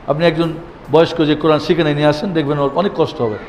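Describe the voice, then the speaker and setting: A man's voice: fairly high pitch, steady tone, fast, a little hiss or hum. Man chanting letters in an echoey hall. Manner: chants Arabic letter names loudly for repetition. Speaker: Quran teacher. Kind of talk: Quran recitation lesson. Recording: echoey hall with faint ambience.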